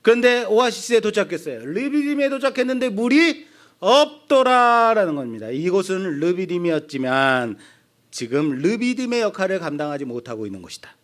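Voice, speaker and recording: A man's voice: sits high, normal speed. A middle-aged man preaching an expository sermon as pastor, with a Seoul accent, asking the congregation questions and acting out the people he quotes. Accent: Seoul Korean. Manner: animated, acts out quoted voices of people; asks the congregation questions and answers them.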